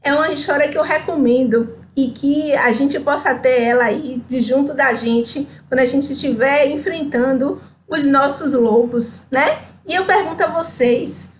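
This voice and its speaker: High-voiced woman reading a story aloud. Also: a little hiss or hum. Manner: expressive, sing-song storytelling. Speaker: speaker at a spiritual center. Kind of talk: reading a children's story aloud, then a reflective talk.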